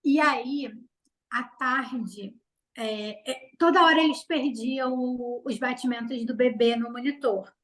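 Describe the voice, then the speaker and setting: A woman from Brazil in her thirties, chatting on a podcast with a high voice. She tells her story animatedly, slipping into quoted dialogue and filling pauses with casual fillers. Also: fairly bright tone. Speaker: podcast guest.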